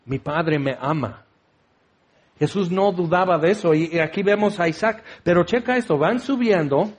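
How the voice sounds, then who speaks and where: A man's voice: high voice, a little fast. A man preaching a sermon, teaching with rhetorical questions and acting out the voices he quotes.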